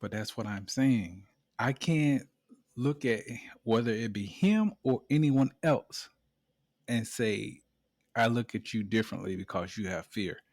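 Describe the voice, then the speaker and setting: A man co-hosting a podcast, calmly laying out his argument point by point in casual debate. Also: lowish voice, dry recording, clean studio sound. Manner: measured, explains point by point. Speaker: podcast co-host.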